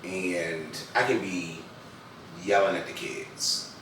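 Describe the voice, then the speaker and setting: A man in casual chat, speaking in a relaxed, thoughtful way. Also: low-pitched, slow pace. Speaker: guest answering a couples card question. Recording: echoey room from a distant mic, with background noise.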